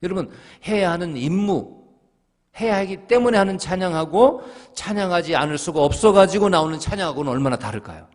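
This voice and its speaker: Korean pastor preaching in a reverberant church. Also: male voice, sits high, animated, fairly quick. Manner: rhetorical questions answered himself, swings from loud to hushed. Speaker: senior pastor. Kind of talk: early-morning devotional sermon. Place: church sanctuary.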